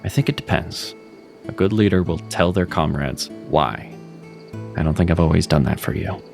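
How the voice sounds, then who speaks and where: In this audio drama, with music playing underneath, a voice actor gives Seraphin, a wry cat mentor, a low, creaky voice at a moderate pace. His mood is steady, and his manner is reassuring yet self-critical.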